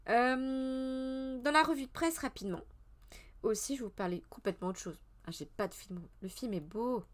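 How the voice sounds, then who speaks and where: A woman in her thirties hosting a casual live press review, chatty and meandering, with many hesitations and self-corrections, answering her chat as she goes. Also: mid-range voice. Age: 30s.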